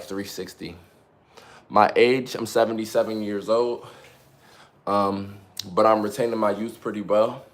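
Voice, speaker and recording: A man in his twenties live-streaming from home, chatting casually with his viewers between sets of push-ups in an upbeat, hyped, slangy, motivational way. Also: on the low side. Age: 20s. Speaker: livestreamer. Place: at home during a workout.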